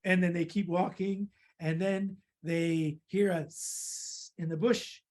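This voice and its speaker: A woman reading a children's story aloud and drawing along, lively and laughing, jumping into small character voices. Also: lowish voice, slow pace. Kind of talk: storytime read-aloud for kids.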